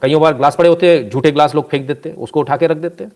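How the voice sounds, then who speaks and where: His voice sits a little high and he talks very fast. He's doing casual live commentary, scolding and animated as he reads out comments from viewers and tells stories.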